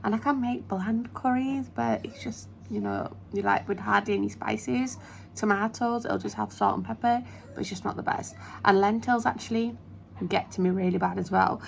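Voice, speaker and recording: A woman's voice: medium pitch, steady tone, normal speed, vocal fry, a little hiss or hum. A young British woman vlogging at home, chatting and rambling with lots of ums, recorded on her phone camera held at arm's length. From United Kingdom. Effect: phone video recording. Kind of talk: casual chat to camera. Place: indoors at home.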